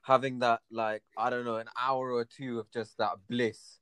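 A young man with a London roadman accent, chatting casually in a halting, slangy way and often circling back over phrases. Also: medium pitch, little pitch movement, fairly bright tone, clean tone, no room sound. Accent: London roadman, urban slang. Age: young adult. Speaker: podcast speaker. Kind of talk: casual chat.

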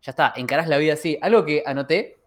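A man with a Rioplatense Spanish accent co-hosting a podcast, telling stories in a lively way and acting out the dialogue, recorded over a video call. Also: on the high side, fast talker. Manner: lively storyteller who acts out dialogue. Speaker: podcast co-host. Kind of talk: casual chat, storytelling.

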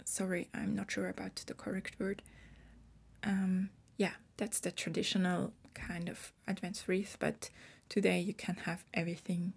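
On her own show, a podcast host from Switzerland in her twenties explains carefully, fixing her phrasing mid-thought. She speaks at a normal speed in a fairly low, level voice with vocal fry and a breathy edge.

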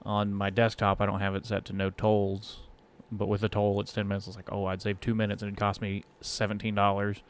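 A man's voice: lowish voice, monotone, brisk, clear, resonant tone. A man co-hosting a podcast, telling laid-back anecdotes in casual chat, full of "like". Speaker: podcast co-host.

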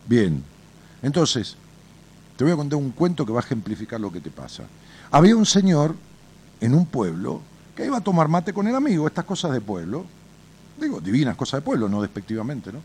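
A man with an Argentine accent talks through a caller's problem in a blunt, salty, colloquial way, weaving in folksy anecdotes. His pitch swings widely as he tells his stories, and there is a faint hiss and low rumble behind him. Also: a little fast. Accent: Argentine Spanish. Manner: blunt and colloquial, swears freely; animated storyteller, addresses listener directly. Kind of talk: advice talk with storytelling.

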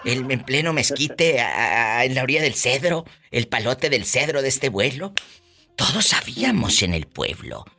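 A man's voice: mid-range voice, big pitch swings, moderate pace, bright, forceful tone. A man with a Mexican accent hosting a comedy podcast, flamboyant, teasing and gossipy. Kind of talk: comedic radio-style hosting.

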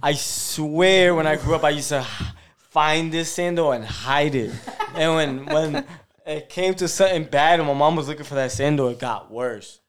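A man's voice: fairly high pitch, moderate pace, few pauses, slight background noise. A man who is a guest on a podcast, laid-back and explaining his views at length in casual chat. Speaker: guest photographer.

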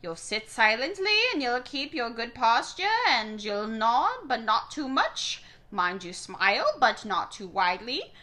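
A woman's voice: on the high side, big pitch swings, measured pace, hardly any pauses, bright, forceful tone, full character voice. A woman voicing a harsh old grandmother who rants stern commands, read aloud from a romance novel.

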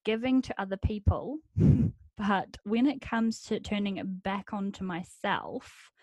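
A woman hosts a podcast interview in a chatty, giggly way, pausing often with "um." Her voice sits at a medium pitch, recorded close and dry with no room sound. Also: darkish tone, dry recording. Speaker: podcast host. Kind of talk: casual interview chat.

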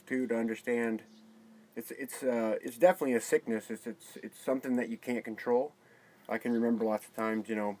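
A man speaking as an interview guest in a casual chat, halting and repeating words as he goes. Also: medium pitch, a little mellow, poor audio.

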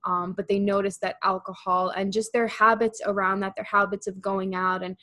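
A woman's voice: mid-range voice, flat delivery, normal speed, pushed and bright. A woman in her twenties hosting a podcast, chatting casually and filling her talk with "like". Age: 20s. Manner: chatty, many fillers like "like". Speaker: podcast host.

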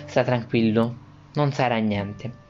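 A man voicing a frail gentle old father. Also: mid-range voice, fairly even intonation, slow, dull audio, faint music behind, close to an everyday voice. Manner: soft, reassuring.

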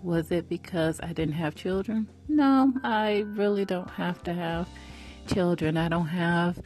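A woman's voice: lowish voice, unhurried, darkish tone, faint music behind. A woman in her forties giving an earnest faith-based motivational talk, preacherly and repeating phrases for emphasis. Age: 40s.

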